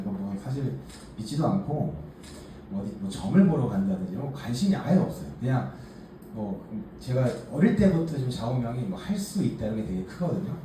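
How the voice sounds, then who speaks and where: A man in his forties from Gangneung, in South Korea's Gangwon Province, presents a case at a workshop by telling a group his own life story. His medium-pitched, warm voice is chatty and self-mocking, full of fillers. The room is echoey, with a distant mic and a faint hiss.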